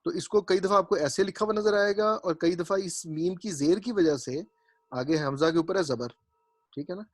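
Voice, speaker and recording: A man with a somewhat high voice leads a grammar class, explaining each rule patiently and repeating himself so nobody falls behind. He keeps asking whether it is clear before moving on. The recording is close and dry, with almost no room sound. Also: dry recording. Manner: explanatory, repeats points and checks understanding. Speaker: Arabic grammar teacher. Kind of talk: classroom lecture.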